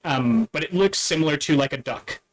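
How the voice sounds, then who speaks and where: A man narrating a tabletop game as dungeon master, halting and full of fillers and restarts. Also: a little high, expressive, a little hiss or hum, poor audio.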